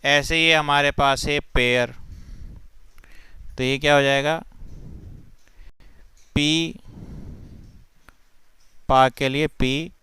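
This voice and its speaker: A man's voice: fairly high pitch, fairly even intonation, very slow, pauses often, sharp tone, clean tone. A man with a Hindi accent teaching English spelling, patiently sounding out words letter by letter. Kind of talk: spelling lesson explained step by step.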